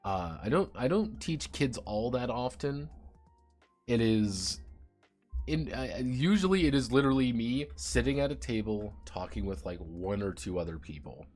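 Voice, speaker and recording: A man's voice: mid-range voice, very animated, normal speed, a little mellow, soft background music. A man streaming and chatting casually, rambling, swearing and sardonic about his teaching job.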